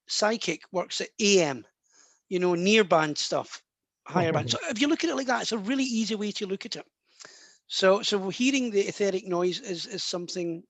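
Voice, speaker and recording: A man's voice: high-pitched, dry recording. A man working as a psychic medium in a live online session, talking in a chatty, rambling way full of restarts.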